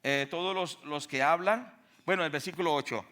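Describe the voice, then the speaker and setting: A man with a Colombian accent speaks at a normal speed in a slightly high, pushed and bright voice. He is preaching a sermon to a church congregation, complete with Bible reading and testimonies, emphatically questioning the people in front of him.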